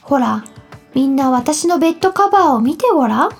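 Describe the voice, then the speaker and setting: A woman's voice: high-pitched, expressive, normal speed, vocal fry, soft background music. Give me a woman doing a strict mother voice, firm and instructive. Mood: stern. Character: stern but caring mother of five.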